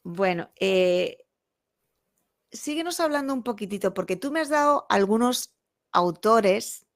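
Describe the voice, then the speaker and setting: Female interview host, mid-pitched, hesitant and winding questions. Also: lively intonation, measured pace. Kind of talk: conversational interview.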